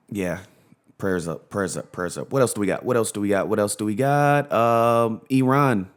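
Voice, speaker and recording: A man with a fairly low voice hosts his own casual talk show alone at home. He rambles, circles back to the same phrases and swears freely. A lingering cough leaves him a little hoarse. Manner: rambling and animated, repeats himself, swears. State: has a cough. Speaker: radio show host. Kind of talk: casual solo commentary.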